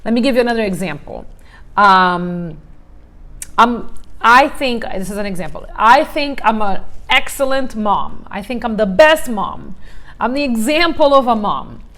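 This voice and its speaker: A woman's voice: a little high, lively intonation, a little slow, fairly bright tone. A middle-aged woman leading a motivational workshop in a conversational way, asking rhetorical questions and acting out examples. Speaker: coach.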